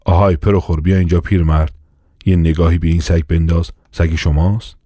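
A man's voice: low-pitched, level tone, warm tone, no echo, studio quality. A man voicing a pompous, bullying police inspector in an audiobook, blustering and commanding. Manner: blustering, commanding, quick to turn. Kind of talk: audiobook character voice.

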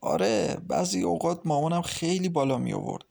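A man voicing an anxious, queasy young pregnant wife who speaks softly and hesitantly in an audiobook. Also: a little high, very animated, gravelly, pitched above the performer's own voice, full character voice. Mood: worried.

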